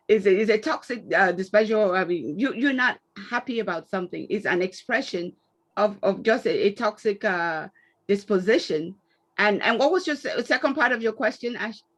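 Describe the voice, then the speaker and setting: Woman on a panel call telling a story, acts out what people said, mid pitch. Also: normal speed. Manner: animated storytelling, acts out quoted exchanges. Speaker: summit speaker answering questions. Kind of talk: conversational panel answer.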